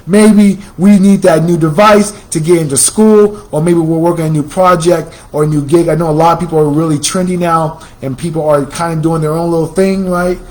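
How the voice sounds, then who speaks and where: A man's voice: on the high side, steady tone, fairly quick, hardly any pauses, a little mellow, rough recording. An American man hosting a computer store's promotional video, talking in a chatty, salesy way and often repeating himself. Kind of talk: casual promotional talk.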